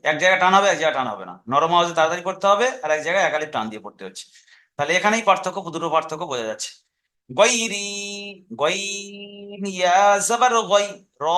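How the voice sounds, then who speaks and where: A man with an Indian Bengali accent teaching Quran reading in a recorded lesson, patiently repeating rules and spelling out letter sounds slowly. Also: a little high, sharp tone.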